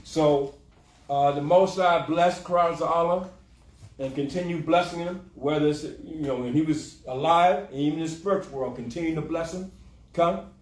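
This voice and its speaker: A man with a slightly high voice teaches scripture informally as class leader, speaking at a normal speed. Repetitive by habit, he checks in with short tag questions and scatters "okay" and "huh" throughout, captured on a distant mic in a room full of echo.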